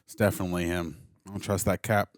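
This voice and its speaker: A man's voice: deep voice, level tone, fast, no room sound, clean studio sound. A man co-hosting a reaction video, making playful, joking quips in casual commentary.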